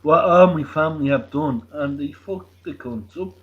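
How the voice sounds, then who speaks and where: A man's voice: on the high side, moderate pace. Crude, swearing man streaming. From Dublin. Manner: crude, rambling, heavy swearing, teasing. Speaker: live streamer. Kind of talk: casual chat with viewers. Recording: muffled lo-fi stream audio, faint hiss.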